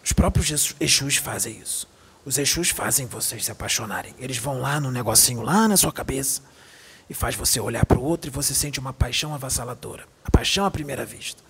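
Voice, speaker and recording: A man speaking as a male spirit guide in a raspy voice, teaching with emphatic repetition and rhetorical questions. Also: mid-range voice, lively intonation, fast talker, a bit bright, a little hiss or hum. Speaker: medium channeling a spirit.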